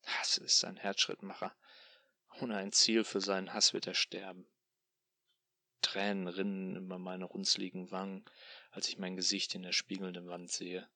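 Bright-voiced man narrating a dark story. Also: sits low, monotone, normal speed, dry recording. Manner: hushed, despairing, intense. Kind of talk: dramatic first-person audiobook narration.

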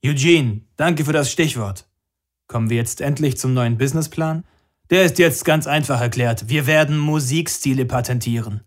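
A man's voice: mid-range voice, moderate pace, lightly acted. A man voicing a scheming, greedy male music businessman on the phone, pushy and smug, in an audiobook. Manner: pushy, smug, talks over objections. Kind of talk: audiobook character voice.

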